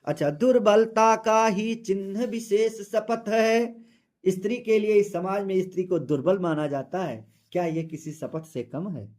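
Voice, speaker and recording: A man teaching a Hindi poem, reciting the verses slowly and then explaining them in plain words. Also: high voice, darkish tone.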